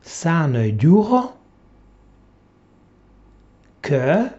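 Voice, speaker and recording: Reading slowly for repetition, a male language teacher delivers a textbook dialogue phrase by phrase, leaving long gaps for students to echo him. His pitch is lively and sing-song. Sound quality is lo-fi and dull.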